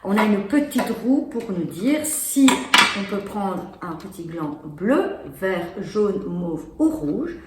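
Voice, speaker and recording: A woman's voice: medium pitch, big pitch swings, slow pace, few pauses, a little mellow. A woman chats her way through a demo of children's board games, explaining each step as she plays. She sits in an echoey room, with faint noise in the background. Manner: chatty, explaining while playing. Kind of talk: casual product demo.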